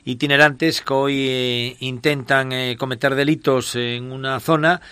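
A man with a mid-range voice hosts a radio news segment. His voice sounds dry and close, and he explains calmly, pausing on fillers. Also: mid-range voice, clear, resonant tone, no echo. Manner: measured, explanatory, with filler pauses. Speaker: radio host.

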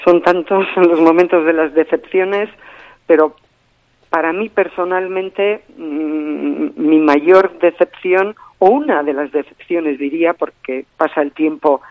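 A woman's voice: low voice, slow, no room sound. A woman speaking as a spokesperson for a victims' group, a guest on a radio interview by phone, earnest and emphatic, repeating key phrases. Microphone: telephone. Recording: tinny phone line.

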